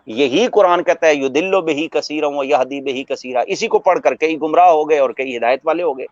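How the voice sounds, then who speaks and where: A man delivers a religious talk as a scholar, speaking in a measured preaching manner and breaking into recited Arabic verses. His voice sits fairly high for a man. The sound is dry and muffled, like an old radio broadcast. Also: no room sound. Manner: measured preaching, quoting Arabic verses and explaining with everyday examples.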